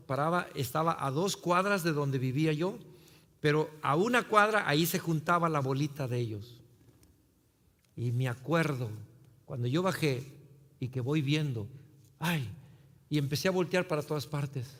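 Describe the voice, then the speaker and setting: A man preaching as a pastor, telling a personal story in an animated way. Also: fairly high pitch. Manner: animated storyteller, acting out voices in his tale. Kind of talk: sermon storytelling. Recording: long hall reverb.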